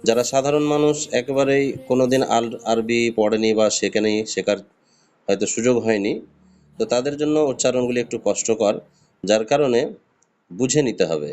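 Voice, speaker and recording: A man's voice: mid-range voice, darkish tone. Man teaching Arabic letter sounds. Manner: drawn-out demonstration of letter sounds, patient explaining. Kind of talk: step-by-step pronunciation lesson.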